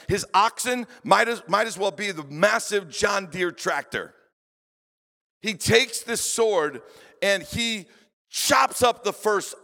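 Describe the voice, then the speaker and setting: A male pastor with a high-pitched voice preaches, retelling a story with vivid, animated energy. His voice rings through a church with long reverb. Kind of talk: sermon storytelling. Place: church hall. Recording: long reverb of a large hall.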